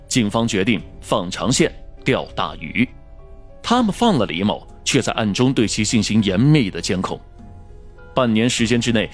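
Male voice, true crime narrator, scripted storytelling, very lively intonation, mid pitch, music behind.

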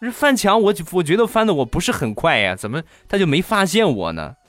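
A man telling funny childhood stories in a playful, animated monologue. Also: high voice, brisk, dry recording. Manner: lively, playful, animated delivery. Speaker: comedian. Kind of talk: comic storytelling monologue. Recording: dry studio with faint music.

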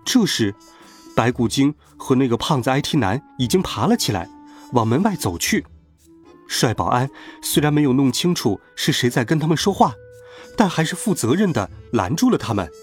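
A man narrating a children's story in a playful, animated way. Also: medium pitch, moderate pace. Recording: faint background music.

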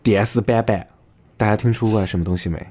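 A man's voice: on the low side, fairly even intonation, quick pace, darkish tone. A man from Chengdu co-hosting a podcast, chatting playfully and often breaking into laughter. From Chengdu, China. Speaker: podcast co-host. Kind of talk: casual chat.

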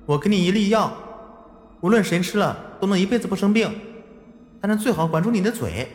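A man voicing a small vengeful spirit girl who speaks in a hushed, threatening tone. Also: high-pitched, lively intonation, brisk, echoey room, in a large hall, soft background music, pitched above the performer's own voice.

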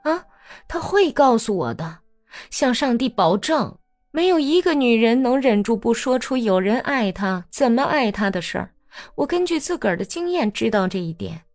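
A woman's voice: fairly high pitch, big pitch swings, a little mellow, faint music behind, voice pushed up. A woman voicing a bold, mocking young peasant woman who talks in a brash, teasing way in an audiobook. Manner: brash, teasing, quick-tongued.

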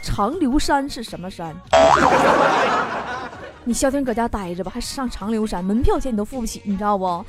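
A woman's voice: fairly high pitch, lively intonation, fast, few pauses, a little mellow. A woman hosting a playful show, teasing listeners' messages and laughing often between lines. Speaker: radio-style host reading listener messages. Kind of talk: playful casual chat. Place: alone in a room recording. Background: background music.

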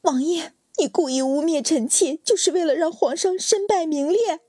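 A woman voicing a desperate, grief-stricken young noblewoman who is wronged, in a high, strained and tearful voice. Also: normal speed, dark tone, no echo, studio quality, natural voice. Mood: accusing.

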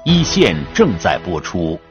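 A male true crime narrator with a low, highly animated voice. He reads a script dramatically, posing questions as he goes. Music plays clearly behind him and the sound is somewhat dull. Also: measured pace. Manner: dramatic storytelling with rhetorical questions. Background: clear background music.

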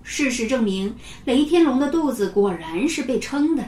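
A woman narrating a children's story in a lively, expressive way. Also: a little high, moderate pace, far from the mic. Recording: roomy, from off the mic.

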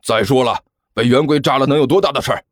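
A man's voice: mid-range voice, quick pace, dry recording, studio quality, close to an everyday voice. A man voicing a short-tempered male math teacher who scolds and barks questions. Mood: impatient. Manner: scolding, barking.

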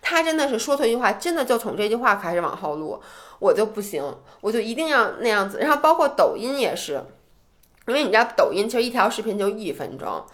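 Fast, lively woman chatting on a podcast. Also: a little high. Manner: animated, self-deprecating, repeats herself. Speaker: podcast co-host. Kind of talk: casual chat.

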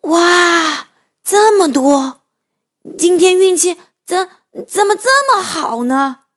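A woman's voice: very high voice, expressive, slow, fairly bright tone, pitched above the performer's own voice, exaggerated voice. A woman voicing a cheerful, greedy big grey male wolf in a children's story, chuckling to himself as he talks. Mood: gleeful.

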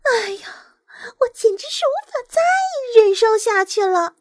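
A woman's voice: high-pitched, animated, slow, dry recording, clean studio sound. A woman doing a fluttery, tactful nightingale. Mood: exasperated. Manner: hesitant, polite, fluttery. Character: kindly, tactful nightingale singing teacher.

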